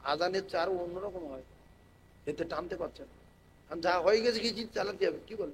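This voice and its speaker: A man preaching a sermon to a gathering over a public address microphone. He moves from quiet, chatty explanation to loud, drawn-out chanting and rallying call-and-response with the crowd. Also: high voice, slight background noise, low-quality recording. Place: outdoor religious gathering with loudspeakers.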